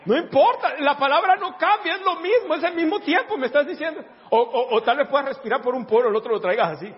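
A man's voice: very high voice, fast talker, in a large hall, lo-fi sound, a faint crowd. A man preaching a humorous sermon, laughing often and acting out voices.

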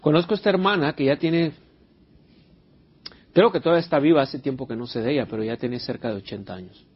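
Male pastor, raspy mid-pitched voice, conversational sermon, muffled low-fidelity recording. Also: quick pace. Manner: earnest, repeats words, asks the congregation questions. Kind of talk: conversational sermon with Bible study. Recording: dull lo-fi recording.

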